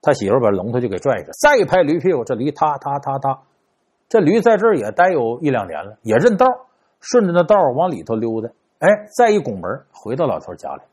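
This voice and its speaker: Husky man with wildly swinging pitch. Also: sing-song, fast talker, darkish tone. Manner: dramatic, rhetorical questions, big pitch swings. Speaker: storyteller. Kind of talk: traditional folk storytelling.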